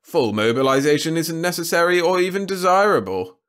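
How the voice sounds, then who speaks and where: Narrator playing a haughty alien emperor, lofty, loud, slow and commanding. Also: male voice, on the high side, expressive, voice pushed up. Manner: haughty, commanding, drawn-out delivery. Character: pompous, imperious male alien emperor.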